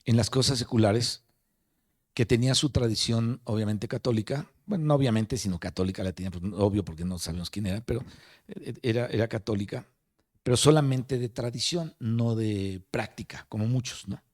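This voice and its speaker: A man preaching in a relaxed, conversational way, telling a story and leaning on fillers and restarts. His pitch sits in an ordinary middle range for a man. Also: fairly quick. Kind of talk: sermon. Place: meeting room of a family support center.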